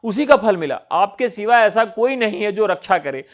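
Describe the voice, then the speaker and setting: A man's voice: sits high, animated, normal speed. A man reading the part of a frightened young disciple who begs for his life in a wailing voice. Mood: pleading. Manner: wailing, pleading. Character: poor frightened male disciple facing hanging. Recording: dull lo-fi recording.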